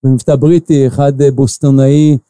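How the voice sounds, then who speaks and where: A man in his forties with an Israeli accent, an investor answering interview questions slowly, with many filler pauses. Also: medium pitch, level tone, mellow, clear, resonant tone, dry recording. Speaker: investor guest.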